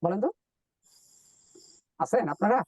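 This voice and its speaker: A man teaching English in a live online lesson, explaining step by step and repeating drill words slowly. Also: high-pitched, a little mellow, no room sound, recorded from a distance, poor audio.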